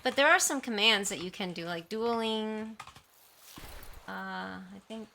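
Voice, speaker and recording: A creaky, sharp-toned woman's voice at medium pitch and a measured pace, with a little hiss or hum in the background. She's a livestreamer chatting casually with viewers at home, rambling and apologizing often, on a high-sensitivity desktop condenser mic.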